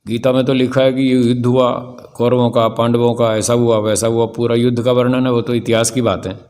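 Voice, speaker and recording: An older man giving a spiritual discourse, emphatic and rhetorical, slowing down to stress key phrases. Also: medium pitch, level tone, darkish tone. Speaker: spiritual teacher. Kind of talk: spiritual discourse answering questions.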